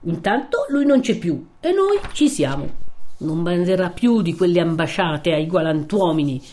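A woman's voice: on the low side, very animated, moderate pace, darkish tone. A woman reading aloud, voicing a timid, fussy old village priest who talks in a worried, wordy, cautious way. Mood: relieved, gloating. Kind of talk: reading a classic novel aloud.

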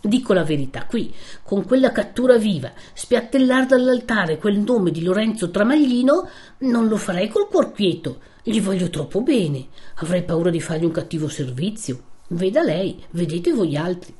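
A woman's voice: mid-range voice, very animated, moderate pace, mellow, close to an everyday voice. A woman reading aloud, voicing a timid, fussy old village priest who talks in a worried, wordy, cautious way. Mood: fretful. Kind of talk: reading a classic novel aloud.

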